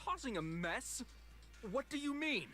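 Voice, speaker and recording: A man's voice: very high voice, sing-song, measured pace, music in the background, heavily acted. A man voicing a self-important, clueless manager in need of rescue in a video game. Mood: indignant.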